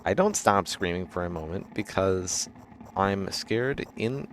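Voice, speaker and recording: A man with a lowish voice reads a game's narration aloud on stream, slowly and haltingly. He often trips over a word and corrects himself. At the dramatic lines he breaks into loud shouts, over a faint hum of background noise. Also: animated. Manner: halting reading with frequent restarts and self-corrections. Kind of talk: casual reading of game narration on stream.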